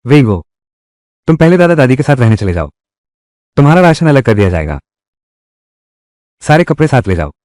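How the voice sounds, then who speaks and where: A man's voice: medium pitch, very animated, moderate pace, long pauses, a little mellow, dry recording, clean studio sound, close to an everyday voice. A man voicing heated, scolding family quarrels in dubbed drama dialogue. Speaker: voice actor dubbing a village family drama.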